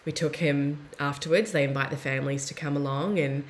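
A young woman guest talking in a heartfelt, soft-spoken way, often trailing off and restarting mid-thought. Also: deep voice, steady tone, brisk, slight background noise. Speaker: podcast guest. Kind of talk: reflective casual conversation.

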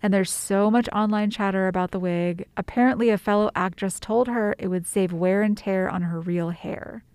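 A woman co-hosts a podcast in a loose, chatty way, full of fillers and restarts. Her voice is mid-pitched and recorded dry, close to the mic. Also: moderate pace, darkish tone, clean tone, no echo. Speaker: podcast co-host. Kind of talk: casual chat.

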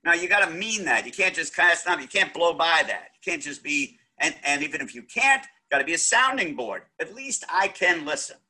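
A man's voice: a little high, very animated, moderate pace, hardly any pauses, pushed and bright, poor audio. A man hosting a talk show, joking in a folksy way as he speaks. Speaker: host.

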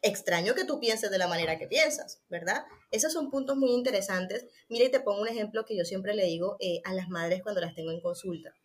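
A woman's voice: medium pitch, brisk, hardly any pauses. A woman psychologist, talking as a podcast guest and acting out the parents and children she quotes.

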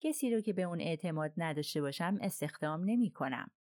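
An aloof old princess, voiced by a woman narrator in an audiobook, speaking slowly and with cool composure. The voice sits low and dry, close to the mic with no room around it. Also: expressive, a little mellow, dry recording, close to an everyday voice. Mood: calm, aloof. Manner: slow, measured and composed. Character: aloof, calm elderly princess, slow-spoken. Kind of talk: audiobook character reading.

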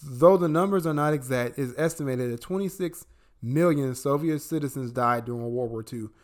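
A young adult man from the American Midwest co-hosts a casual political podcast, talking profanely and emphatically at a moderate pace. He swings between loud outbursts and low asides.

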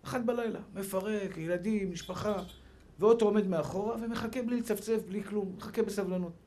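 A middle-aged man preaching to a live audience as a rabbi, lively and playful, acting out the people in his stories. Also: sits high. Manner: lively, playful, acts out quoted people, shifts between loud and hushed.

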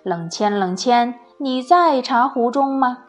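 A furious emperor from a storybook barks out his orders, voiced by a woman storyteller. He sounds commanding and scolding, his lines pushed out loud and strong. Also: on the high side, animated, slow, faint music behind. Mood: demanding. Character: angry imperious male emperor.

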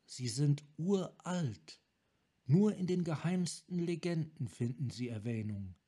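A man voicing a calm, wise female monk who leads her clan, speaking softly and with measure, in a fan audiobook reading. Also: a little high, slightly rough, heavily acted. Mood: serene. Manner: soft, measured.

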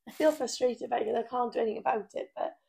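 A woman in her thirties chats in a wry, teasing way. Her voice sits a little high. It has a gravelly fry running through it. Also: fast, warm tone. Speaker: podcast co-host. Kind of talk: casual chat.

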